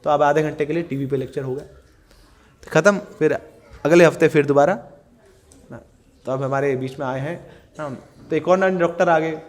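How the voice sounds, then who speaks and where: A middle-aged man from India teaching a scripture class in Hindi. He chants verses slowly and tells stories with lively acted-out voices for the people in them. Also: fairly high pitch. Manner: animated storytelling, acts out quoted characters. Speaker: Gita teacher.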